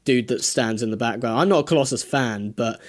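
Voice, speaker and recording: A British-accented man with a medium-pitched voice talks casually as a podcast panelist. He is hesitant and politely hedges what he says. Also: fairly quick. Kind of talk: casual film discussion.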